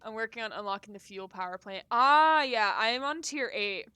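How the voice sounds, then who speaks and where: A woman's voice: fairly high pitch, animated, moderate pace, pushed and bright, clear, resonant tone, no room sound. A woman streamer chatting casually and rambling while playing and reading a game. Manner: chatty, rambling, laughs often. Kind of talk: casual live-stream chat.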